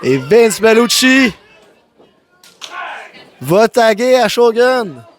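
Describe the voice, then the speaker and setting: A man with a Quebec French accent calls wrestling live as an excited, exclamatory commentator who often raises his voice. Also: extremely high pitch, extremely slow. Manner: exclamatory, often raising voice to a shout. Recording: noisy live event commentary.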